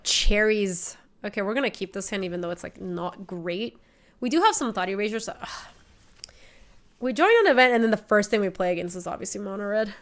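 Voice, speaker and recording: A streamer in her twenties, a bit sniffly from a cold, gives casual gameplay commentary from her home streaming room. She chats about her card game deck, explains her choices and reads chat aloud in a mid-range, fairly bright voice.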